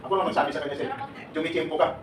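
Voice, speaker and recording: A man from the Philippines giving a lively talk to a seminar audience of departing overseas workers. He quizzes the crowd, laughs often and mixes English into his Filipino. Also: fairly high pitch, rapid-fire. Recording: echoey room, distant and noisy.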